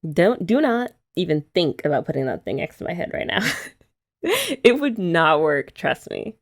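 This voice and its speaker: A young woman, an ASMR creator, does a girlfriend roleplay in a lowish voice with a gravelly edge at a moderate pace. She walks through each step in a relaxed, chatty manner, mixing in playful teasing.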